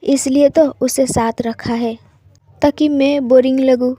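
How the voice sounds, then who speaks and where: A woman's voice: sits high, fairly even intonation, measured pace, mellow, no room sound. A woman voicing a guarded young woman who answers with blunt, dry sarcasm. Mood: sarcastic.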